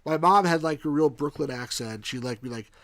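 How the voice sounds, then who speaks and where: This New Yorker reviews games on stream, talking through his play, thinking aloud and fielding chat comments in a slight New York accent. His fairly high, somewhat bright voice runs a little fast. The clean studio recording has no echo.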